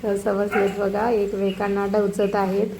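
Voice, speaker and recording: A woman filming a casual home vlog, narrating gently to viewers and coaxing a small child in a tender, soothing way. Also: mid-range voice, level tone, measured pace, gravelly, background noise. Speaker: family vlogger.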